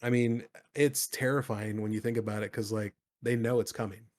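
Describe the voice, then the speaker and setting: A man's voice: medium pitch, fairly even intonation, normal speed, a little mellow. A man co-hosting a card game stream, chatting casually and reading out cards with enthusiasm and informal slang.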